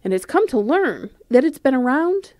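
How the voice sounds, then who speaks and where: A woman's voice: high voice, very animated, normal speed, a little mellow, dry recording. A woman reporter reading scripted narration for a news feature.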